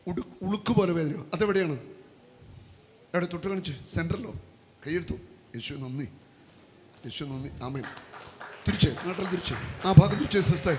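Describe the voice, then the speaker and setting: A man's voice: on the high side, normal speed, pauses often. A man leading a charismatic healing service from the altar, giving commands and repeating prayer lines in a chant. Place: church retreat hall at the altar. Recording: echoey hall with faint noise.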